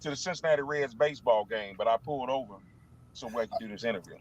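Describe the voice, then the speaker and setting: A man, an animated guest telling stories in casual chat, stammering and restarting, from a parked car. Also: mid-range voice, quick pace. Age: 50s. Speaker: musician guest. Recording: dull lo-fi sound.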